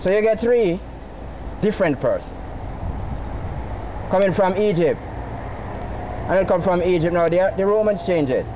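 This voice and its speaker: A man's voice: high voice, expressive, moderate pace, long pauses. A man with a Jamaican accent philosophizing informally, teaching by quizzing his listeners with rhetorical questions. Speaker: Rastafarian farmer. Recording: noisy outdoor recording with traffic.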